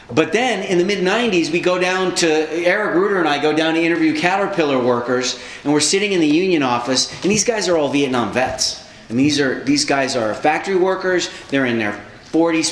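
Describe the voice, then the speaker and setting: Brief: fairly high-voiced man, lively conversational storyteller who slips into the voices of people he quotes; roomy echo with faint ambience behind. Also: moderate pace, a little hiss or hum. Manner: animated, acts out quoted people. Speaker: socialist activist recounting past organizing. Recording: echoey room, faint background ambience.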